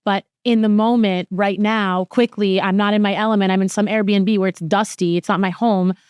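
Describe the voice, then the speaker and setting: A woman's voice: mid-range voice, steady tone, normal speed, a little mellow, clear, resonant tone, dry recording, clean studio sound. A woman in her thirties hosting a podcast, talking candidly and bluntly, swearing freely and laughing often. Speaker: podcast host. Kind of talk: candid casual chat.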